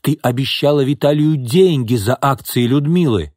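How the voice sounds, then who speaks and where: A man voices a blunt, fiery old servant woman in a stern, accusing mood, pitched above his own voice yet close to everyday speech. His medium-pitched delivery is a little mellow and moderately paced, with clean studio sound and no room echo.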